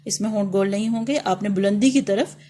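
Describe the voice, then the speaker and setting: A woman with a Pakistani accent, a teacher leading a beginners' reading lesson, who calls out each letter loudly and drawn out, then explains it softly. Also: mid-range voice. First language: Urdu.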